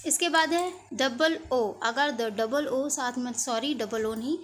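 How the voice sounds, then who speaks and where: High-voiced woman teaching pronunciation. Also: fairly bright tone, a little hiss or hum. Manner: explains patiently, drawing out example words slowly. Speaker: English teacher. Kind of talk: pronunciation lesson.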